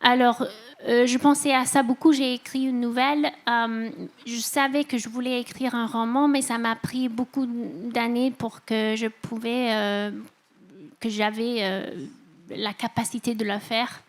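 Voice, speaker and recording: A woman's voice: a little high, level tone, measured pace. A woman novelist answering interview questions in non-native French with a foreign accent, searching for her words. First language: not French. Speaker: novelist, festival guest. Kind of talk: interview answers at a literary festival.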